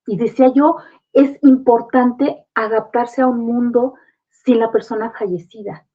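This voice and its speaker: A woman's voice: a little high, steady tone, unhurried. A woman, a guest on a talk program, explaining grief in an earnest, reassuring way. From Mexico. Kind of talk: conversational advice on a talk program. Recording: muffled lo-fi sound.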